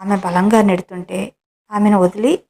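Woman storyteller, measured scripted narration of a romance. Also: mid-range voice, little pitch movement, gravelly, mellow.

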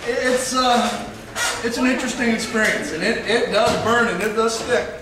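A man's voice: extremely high pitch, moderate pace. A man in his thirties, a professor talking informally to a class while in pain, his mouth numb and burning from spicy food. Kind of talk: informal demonstration talk to a class. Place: lecture hall, standing at the front. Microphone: distant camera microphone. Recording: echoey, noisy lecture hall from far off.

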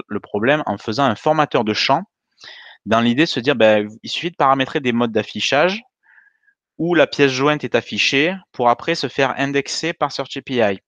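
Man, thirties, low voice, meetup presenter, many fillers and restarts, webcam mic. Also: a bit bright, dry recording, dull audio. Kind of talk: conference talk over slides. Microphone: webcam on a video call.

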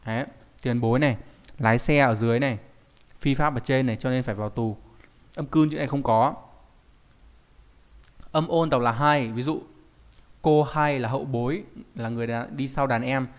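A man's voice: mid-range voice, normal speed, long pauses. A man giving a recorded online lesson as a Japanese teacher, explaining patiently and often stopping to ask rhetorical check questions.

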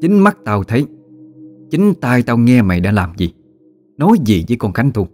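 A man's voice: medium pitch, sing-song, normal speed, darkish tone, faint music behind, close to an everyday voice. A man voicing a stern, vengeful older mistress of a magistrate's house, harsh and threatening. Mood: furious.

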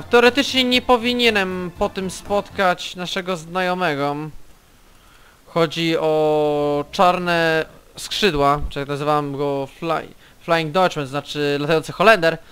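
Man, high bright clear voice, unhurried let's-play commentary, taunts foes, faint music under. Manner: swears and taunts enemies while playing. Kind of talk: casual gameplay commentary.

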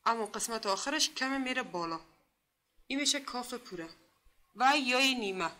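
A woman teaching literacy in a classroom, speaking with an Afghan Dari accent, patiently repeating herself and sounding out letters slowly. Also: a little high, sharp tone. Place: classroom with a board.

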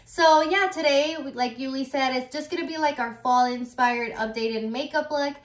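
A chatty YouTuber in her twenties talks casually in her bedroom, using "like" constantly as filler. Her high voice moves at a normal speed, recorded on a phone camera in an echoey room.

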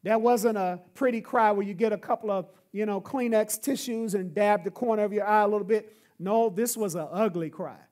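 A pastor delivers a sermon with emphatic, repeated refrains that drive each point home. The voice sits in a middle pitch. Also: a little fast, few pauses, a little mellow. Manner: emphatic, repetitive preaching with refrains.

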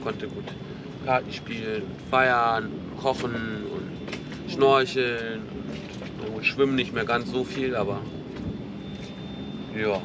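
A man in his thirties talks in a relaxed, easygoing way while sitting on the deck of a sailboat. His voice sits mid-range, and heavy wind and boat noise roar on the camera's track. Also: mid-range voice, slow, pauses often. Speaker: sailing vlog co-host. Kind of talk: casual chat.

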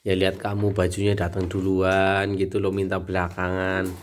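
A man's voice: deep voice, monotone, normal speed, slight background noise. A man, teasing and playfully coaxing his family while filming a casual home video on a handheld phone.

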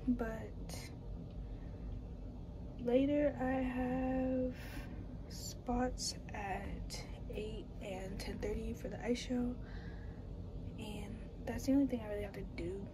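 A woman's voice: a little high, steady tone, slow, long pauses. A young woman in her twenties giving casual, matter-of-fact vlog updates about her work day, often dropping to a half-whisper, filmed on a phone at arm's length in a small ship cabin. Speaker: cruise ship dancer vlogger. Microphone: phone held at arm's length. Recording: noisy phone vlog audio.

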